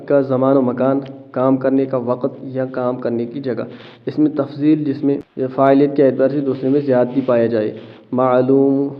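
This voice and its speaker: A man teaching a lesson, explaining step by step, asking questions and answering them himself, often pausing with fillers. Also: mid-range voice, level tone, narrow, tinny audio. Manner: asks rhetorical questions then answers them; checks in with listeners, hesitant fillers. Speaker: Arabic grammar teacher.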